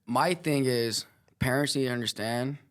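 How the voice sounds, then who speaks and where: A man's voice: medium pitch, moderate pace, fairly bright tone. A man who coaches youth wrestling, giving earnest advice in a casual podcast chat. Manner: earnest advice, frequent agreeing "yeah".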